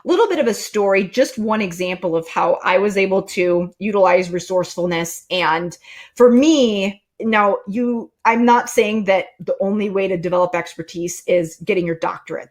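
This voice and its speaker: A middle-aged woman speaks into a desk mic during a live stream, in a mid-range voice. She talks casually and thinks out loud, with plenty of fillers and restarts. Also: medium pitch, moderate pace. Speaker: host.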